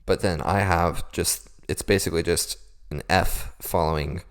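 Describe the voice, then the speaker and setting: A man's voice: sits low, fairly even intonation, unhurried, clean tone. A young man hosting a casual beatboxing tutorial, explaining vocal techniques in a laid-back, self-deprecating way.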